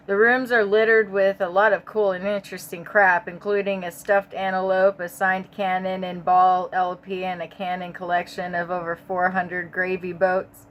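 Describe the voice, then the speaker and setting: A woman's voice: on the low side, flat delivery, normal speed, hardly any pauses. Stumbling, sick woman reading a story aloud. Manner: rambling asides, stumbling over words, swearing. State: sick and stoned. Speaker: audiobook reader. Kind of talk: casual amateur audiobook narration.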